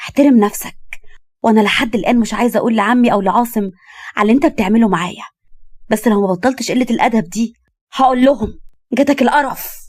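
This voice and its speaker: A woman voicing a bold, teasing young woman in her twenties, with an Egyptian accent and quick comebacks. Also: a little high, darkish tone, no echo, studio quality, voice pushed up, close to an everyday voice. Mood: annoyed.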